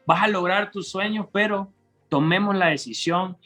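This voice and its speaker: A man's voice: sits high, moderate pace, bright, forceful tone, soft background music. A young man, a youth leader giving earnest advice and telling his story as a guest, often repeating words as he restarts. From Honduras. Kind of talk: testimony and advice in an interview.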